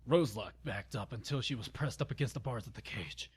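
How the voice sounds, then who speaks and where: A man's voice: medium pitch, breathy edge. A young man giving a dramatic reading of fan fiction, breaking off with groaning, exasperated asides and stumbling over words.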